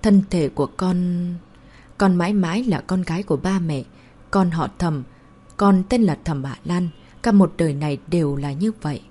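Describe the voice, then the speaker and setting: A woman voicing a worried aging father in an audiobook, speaking low and hushed. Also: moderate pace. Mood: tender.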